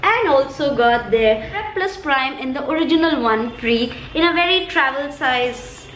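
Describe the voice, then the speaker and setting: A woman's voice: high voice, lively intonation, a little slow, a bit bright. A woman with an Indian accent giving a chirpy, chatty haul video as a beauty vlogger, repeating words for emphasis. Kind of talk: casual shopping haul video. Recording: echoey room, faint background noise.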